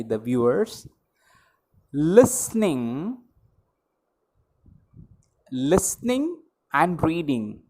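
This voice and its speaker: A middle-aged man with an Indian English accent teaches to camera at a deliberately slow pace. He stresses key words and repeats them, putting rhetorical questions to his viewers. His voice is close and direct, caught on a wired earphone mic in a small room. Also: mid-range voice, darkish tone, low-quality recording. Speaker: English trainer. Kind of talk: spoken English lesson to camera. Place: small room indoors with a ceiling fan. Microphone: wired earphone mic held near mouth.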